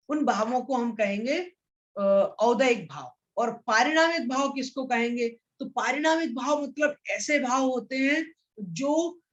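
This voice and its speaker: A man teaching a scripture lesson, asking questions and answering them himself, and chanting verses slowly. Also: extremely high pitch, lo-fi sound. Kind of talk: explanatory lesson.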